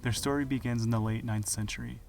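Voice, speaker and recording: A man hosting a history podcast, telling it in measured, dramatic scripted narration. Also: medium pitch, fairly even intonation, vocal fry, a little mellow. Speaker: podcast host. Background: music.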